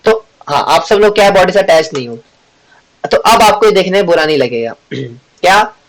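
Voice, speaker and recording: A man teaching a devotional scripture class in a chatty, joking way. He asks the class questions, answers them himself and clears his throat often. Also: high-pitched, lively intonation, normal speed, rough recording. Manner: joking, chatty, teasing the audience. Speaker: Bhagavad Gita class teacher.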